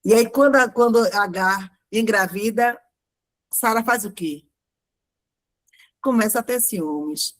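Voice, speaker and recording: A woman's voice: a little high, takes it slowly, long pauses. Woman, Brazilian Portuguese accent, pastor, conversational sermon, frequent fillers, rhetorical questions. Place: church.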